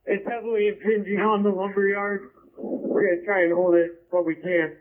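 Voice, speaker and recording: Male firefighter, urgent radio status reports, high voice, narrow scanner audio. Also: level tone, moderate pace. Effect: two-way radio. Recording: tinny, narrow-band radio scanner feed.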